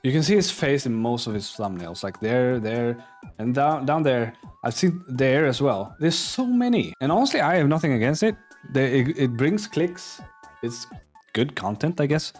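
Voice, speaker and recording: A man's voice: mid-range voice, animated, moderate pace, darkish tone, faint music behind. A man in his twenties commenting on a video during a livestream, rambling, offhand and self-mocking. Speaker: streamer reacting to a video. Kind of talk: casual stream commentary.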